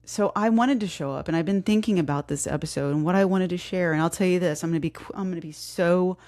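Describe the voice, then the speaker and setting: A low-voiced middle-aged woman hosts her fitness podcast in grief. She speaks candidly and emotionally, close to tears, with many fillers, pauses and restarts. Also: a little mellow. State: grieving, near tears. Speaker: podcast host and fitness coach. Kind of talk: casual heartfelt podcast talk.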